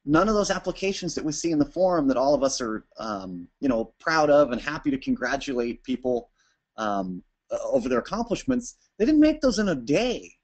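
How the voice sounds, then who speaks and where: Guy running a webinar, talks fast, lots of ums and restarts, kinda high voice. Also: sing-song. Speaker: webinar presenter. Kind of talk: informal talk to users.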